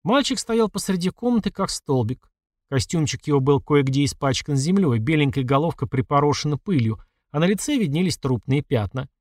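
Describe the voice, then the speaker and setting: A man narrating a horror audiobook with expressive, lively delivery. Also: a little high, a little fast, no echo, studio quality.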